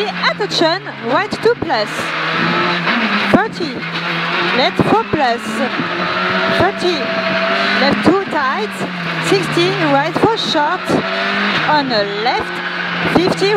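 A woman co-driver calls out rapid, clipped rally pace notes in terse, urgent bursts inside a moving race car. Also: extremely high pitch. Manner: terse, urgent call-outs of numbers and directions. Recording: loud engine and tyre noise. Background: roaring race car, tyre squeal.

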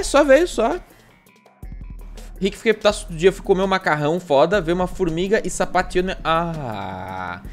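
A man with a Brazilian accent chatting casually on a gaming livestream, rambling and joking at himself. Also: high-pitched. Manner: rambling, jokey, self-mocking.

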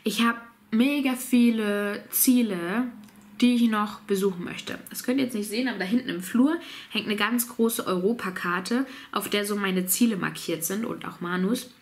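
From a small home office, a woman in her thirties, suffering from a cold, reads out viewers' questions and answers them in a casual chat to camera. Her mid-range voice moves at normal speed, and she's relaxed, laughing easily.

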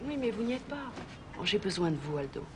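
Actrice en cheffe d'agence cajoleuse, parle vite, petit souffle de fond. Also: female voice, mid-range voice, sing-song, quick pace, a little mellow, slight background noise, natural voice. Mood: coaxing. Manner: coaxing, wry. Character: persuasive female agency boss. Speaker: boss of an insurance investigation firm.

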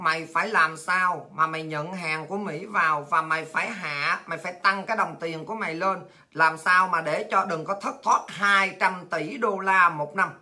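A woman hosting a heated political monologue, coarse and insulting, with shouted taunts. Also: on the low side. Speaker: political commentary host.

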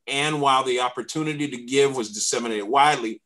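A man's voice: mid-range voice, quick pace, a bit bright, rough recording. A man giving a trustee's foundation report at an online board meeting, reading prepared remarks steadily over a video call. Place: home room on a video call.

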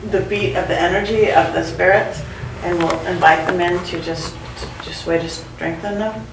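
A woman guiding a séance in casual, halting speech, trailing off in the middle of her thoughts. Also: on the low side, steady tone, gravelly, very noisy. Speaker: séance leader, medium. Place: dark cluttered room indoors on a ship. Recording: humming, echoey, distant camera mic.

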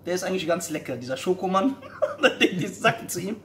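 A comedian telling a joke in a casual, animated way, tossing in a questioning "ja?" again and again. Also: male voice, high voice, fast, slight background noise. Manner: animated, filler-heavy ("ja?").

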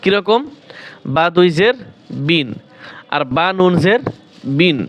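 Slow, smooth-voiced male teacher, high-pitched. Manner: slow and repetitive, asks questions and answers them himself. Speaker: Quran recitation teacher. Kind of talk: spoken lesson with drawn-out recited examples.

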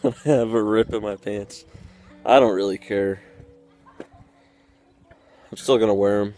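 A man's voice: lowish voice, fairly even intonation, unhurried, dark tone, roomy sound. Young man vlogging casually with fillers. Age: young adult. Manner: rambling, hesitant, lots of fillers. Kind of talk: casual vlog chat. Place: home kitchen, then inside a car. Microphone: action camera held near face. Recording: noisy car and outdoor sound.

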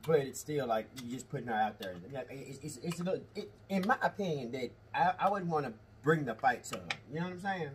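Slightly high-voiced man chatting, faint noise. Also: animated, quick pace, few pauses, recorded from a distance. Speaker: co-host, the host's husband. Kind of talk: casual opinionated chat. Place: indoor studio, seated at a table of food.

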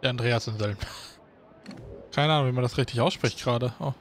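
A man giving casual gameplay commentary as a Let's Play host, thinking aloud in a relaxed, chatty way. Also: medium pitch, fairly quick, a little hiss or hum.

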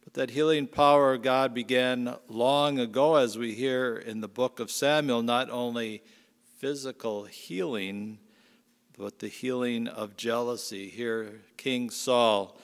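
A man as priest reading the gospel aloud and preaching in a measured, unhurried way, his voice carrying a cathedral echo. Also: mid-range voice, steady tone. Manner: measured, unhurried liturgical delivery. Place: large church. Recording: long church reverb.

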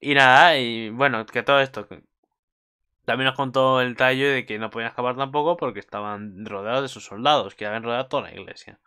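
Man, crisp smooth voice, casual rambling anime commentary, frequent swearing. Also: mid-range voice, a little fast, pushed and bright. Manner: rambling, swears often, many restarts. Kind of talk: casual episode recap.

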